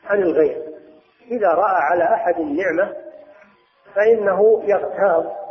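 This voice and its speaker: A man giving a measured religious lesson as a scholar, explaining step by step with some restarts. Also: high-pitched. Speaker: Islamic scholar. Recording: echoey hall over tinny phone-like line.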